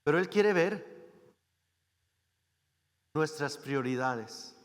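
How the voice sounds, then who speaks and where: A man's voice: on the high side, expressive, very slow, long reverb tail. A man preaching a sermon as a guest speaker, talking in a conversational way and often asking the congregation questions. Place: church hall.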